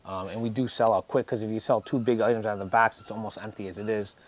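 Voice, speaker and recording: A man's voice: lowish voice, fairly even intonation, quick pace. A man in his forties chatting casually as he gives a tour, explaining practical details in a matter-of-fact way. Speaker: warehouse business owner giving a tour. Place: indoors, large warehouse storage aisle.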